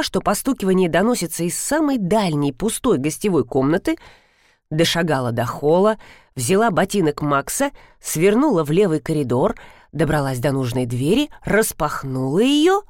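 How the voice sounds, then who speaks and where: A woman narrating a first-person audiobook, telling the story with lively expression and voicing the dialogue herself. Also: lowish voice, no room sound, studio quality. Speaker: audiobook reader.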